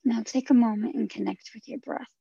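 Creaky, breathy woman guiding a soft meditation. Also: on the high side, brisk, no echo, highs cut off. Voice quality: soft, breathy, husky, at times near a whisper. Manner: soothing, gentle, instructive. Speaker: guided meditation leader. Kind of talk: guided relaxation meditation.

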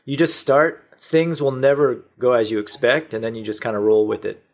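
A middle-aged man from the United States talks as a podcast guest. His voice sits at an ordinary middle pitch, and he tells his story in a plain, matter-of-fact way. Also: steady tone, moderate pace. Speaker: podcast guest, online store owner. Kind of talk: conversational interview.

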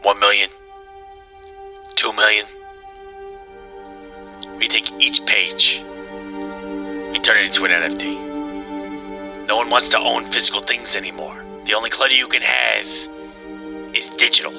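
A man playing a brash, boisterous ad executive who crashes a video call and rambles through a sales pitch in improvised comedy. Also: unhurried, vocal fry, pauses often, music in the background. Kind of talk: improvised comedy role-play.

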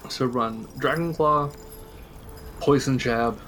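A man's voice: medium pitch, takes it slowly, a bit bright, slight background noise. A man co-hosting a podcast in casual chat, explaining game strategy at length and chuckling often. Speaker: podcast co-host.

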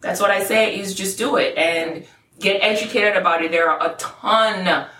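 A woman guest explaining investing in a brisk, casual way, often checking in with "right?". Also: mid-range voice, bright, forceful tone, reverberant, distant mic, slight background noise.

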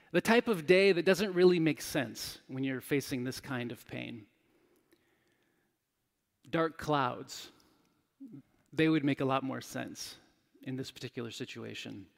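Gravelly man preaching in a hall. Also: medium pitch. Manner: candid, self-deprecating storytelling. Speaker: pastor. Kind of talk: sermon.

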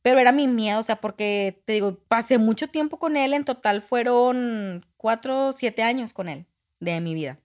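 A woman's voice: a little high, normal speed. A woman, a podcast guest candidly telling a personal story and acting out what people said. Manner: candid, acts out quoted dialogue.

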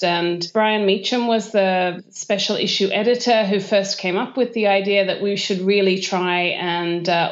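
Woman guest explaining, slightly dull audio. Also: on the low side. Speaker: professor, podcast guest. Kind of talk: explanatory interview talk.

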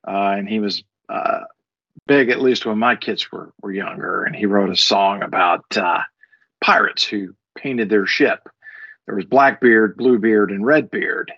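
Middle-aged male co-host, rambling casual storyteller, lower voice, lo-fi recording. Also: a little slow, a bit bright, breathy edge, no room sound. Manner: rambling with many fillers and restarts. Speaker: podcast co-host. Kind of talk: casual morning show chat. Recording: dull lo-fi sound.

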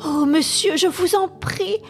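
A woman's voice: measured pace, darkish tone, faint music behind. A woman voicing a frightened young boy who pleads tearfully in an audiobook. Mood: pleading. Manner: high, pleading cries.

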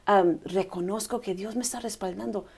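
A woman's voice: medium pitch, steady tone, moderate pace, creaky, darkish tone, breathy edge. A middle-aged woman hosting a faith talk show, speaking earnestly and casually, slipping English words into her Spanish. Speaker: podcast host.

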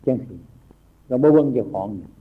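A man speaking with an Isan Thai accent, a monk giving a rambling, folksy Dhamma talk to newly ordained monks, often pausing with thinking hums. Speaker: Buddhist monk teaching new monks. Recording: tinny phone-like recording.

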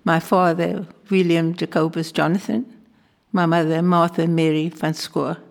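Gravelly older South African woman. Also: on the low side, level tone, unhurried. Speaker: guest. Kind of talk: conversational family interview.

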